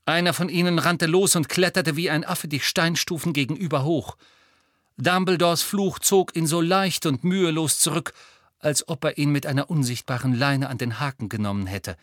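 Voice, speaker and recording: A man's voice: on the high side, moderate pace, a bit bright, no room sound. A man telling a tense scene in an audiobook with a slightly raised voice, giving the story drama. The read is recorded dry and close, with no room around it. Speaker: narrator. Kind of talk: audiobook narration.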